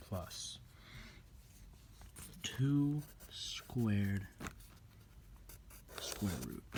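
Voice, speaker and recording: Here a teenage boy tutors a classmate in math, slow and offhand, cracking jokes while he writes and snacks. The male voice is fairly low, and a little hiss or hum runs under this casual homemade walkthrough recorded indoors at home.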